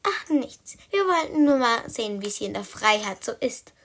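A woman's voice: on the high side, animated, moderate pace, a bit bright. A woman voicing a restless female shelter cat who talks in a bossy, urgent way, in a storybook.

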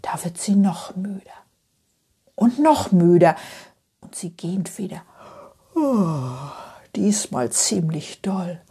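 A woman tells a bedtime story in a soft, half-whispered delivery, repeating phrases to lull the listener. She speaks very slowly, with a mellow, breathy tone. Her pitch rises and falls in a lively way.

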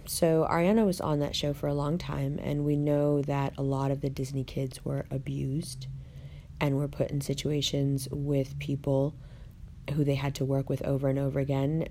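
A woman hosting a casual online video, chatting to viewers with rolled R's and deliberate pauses in an opinionated, conversational way. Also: deep voice, mellow, slight background noise. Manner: rolls her R's. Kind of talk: casual chat, talking to viewers.

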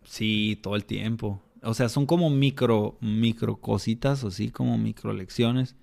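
A man with a Mexican accent talks casually and reflectively, dropping plenty of slang. His voice is gravelly and rough at the edges, and he speaks as a mentor of children. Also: lowish voice, fairly even intonation, measured pace, a little mellow. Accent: Mexican Spanish. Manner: colloquial, full of slang, reflective. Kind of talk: casual interview conversation.

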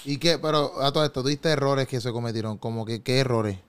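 A man's voice: mid-range voice, fast, clear, resonant tone. A man interviewing in a casual chat, asking long rambling questions and checking he is understood.

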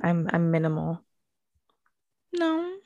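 A woman's voice: fairly low pitch, sing-song, takes it slowly, a little mellow, no room sound, dull audio. A woman co-hosting a podcast, chatting casually and rambling with lots of fillers from her craft room at home. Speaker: podcast co-host. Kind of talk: casual chat.

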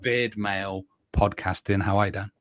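A man's voice: fairly low pitch, fairly even intonation, normal speed, fairly bright tone, dry recording. A man co-hosting a casual podcast, jokey and rambling, speaking into a desk microphone at home. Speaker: podcast co-host. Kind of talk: casual chat. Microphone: desk USB microphone.

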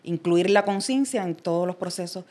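A middle-aged woman from Cuba, a transpersonal coach and guest, talking in a casual interview and telling her story with lively asides and laughter. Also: lowish voice, normal speed. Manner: animated storytelling, acts out quoted voices, laughs often.

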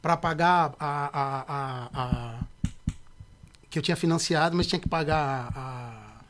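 A man's voice: fairly high pitch, a little slow, background noise. A man with a Brazilian Portuguese accent, a pastor guesting on a podcast, telling a story and acting out the quoted voices. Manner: acts out quoted dialogue with lively voice shifts. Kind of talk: animated storytelling in casual podcast chat.

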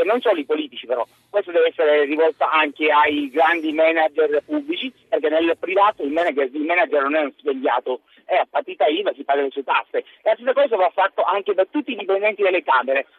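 A man's voice: on the high side, lively intonation, fairly quick, breathy edge. A man calling a radio phone-in, stating his opinion assertively. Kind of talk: spontaneous opinion on a call-in show. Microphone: telephone. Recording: muffled narrow telephone line.

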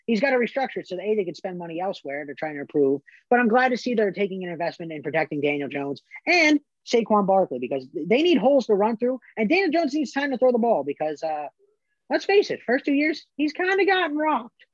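A man's voice: high-pitched, very animated, fast talker, hardly any pauses, no echo, lo-fi sound. A man co-hosting a sports talk show, emphatic and opinionated, making bold predictions. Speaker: co-host.

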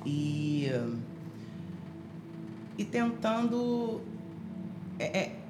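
With a fairly high, expressive voice, a Brazilian woman from Rio de Janeiro talks very slowly while giving her personal testimony. She's a podcast interview guest who restarts often and leans on fillers. Music plays behind her in an echoey room.

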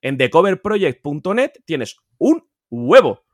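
A man's voice: unhurried, no echo. Emphatic Spanish man from Spain, dry close sound. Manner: emphatic, repeats words, swears freely; animated, pitch jumping up when insisting. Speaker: guest, video game collector. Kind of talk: casual podcast conversation.

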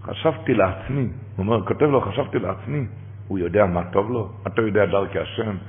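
A man preaching a sermon, moving between hushed storytelling and loud, impassioned outbursts, and chanting quoted verses slowly. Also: fairly low pitch. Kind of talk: sermon on scripture. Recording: tinny phone-like sound with long hall reverb.

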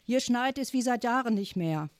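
A woman voicing a smug old grandmother who is obsessed with Christmas and shouts into a speakerphone. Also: sits low, huge pitch swings, takes it slowly, gravelly, breathy edge, no room sound, exaggerated voice. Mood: triumphant. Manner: shouting triumphantly over a phone.

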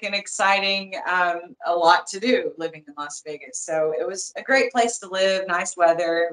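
A former boxing champion in her thirties, speaking with a light Southern US accent, chats as a guest in a casual interview, rambling with lots of fillers and restarts. Her voice is medium-pitched and a bit bright, and the audio is poor.

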